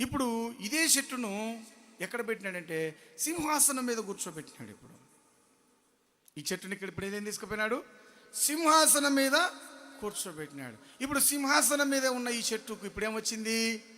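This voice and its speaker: A man preaching a sermon, throwing questions at the congregation and swinging between loud shouts and low murmurs. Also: big pitch swings, brisk, long pauses, big-room sound.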